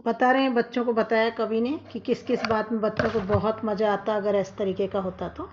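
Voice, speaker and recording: A woman's voice: a little high, level tone, brisk, slight background noise. A woman teacher explaining a poem in a patient classroom manner, often checking that the children follow. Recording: dull lo-fi recording.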